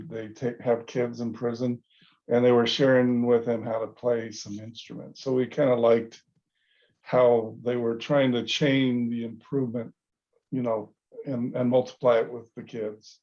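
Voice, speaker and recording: A middle-aged man who leads service trips, talking casually in a class discussion and pausing often with fillers and restarts. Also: mid-range voice, mellow. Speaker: service trip leader. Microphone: video call. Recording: dull lo-fi video call.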